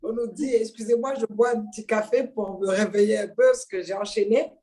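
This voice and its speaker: A woman's voice: mid-range voice, brisk. A woman from Mayotte, a singer, telling her story in a casual interview, acting out dialogue and laughing often. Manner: lively, laughing, acts out dialogue. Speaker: guest singer.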